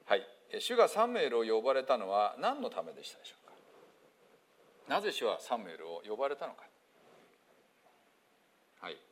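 A man's voice: fairly quick, pauses often. A man from Hiroshima with a Hiroshima accent, a pastor giving a chatty sermon full of fillers. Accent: Hiroshima Japanese. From Hiroshima, Japan. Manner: chatty, many fillers, lively pitch swings. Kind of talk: casual sermon talk with quiz review.

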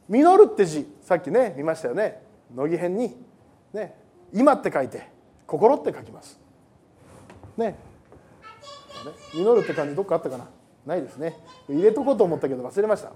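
A male pastor preaching a sermon to a congregation in a lively, joking way that often wanders off topic. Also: sits high, slightly rough. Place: church service with a congregation.

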